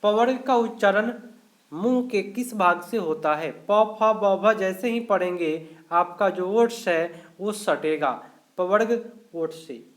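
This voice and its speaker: This Indian man's voice sits high as he leads a live online grammar class. He takes each question slowly, walking through every answer step by step.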